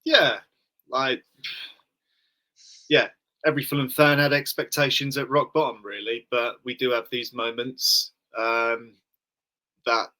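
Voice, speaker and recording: A man giving casual football opinions as a podcast panellist, rephrasing himself in a halting way. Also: medium pitch, sharp tone, low-quality recording.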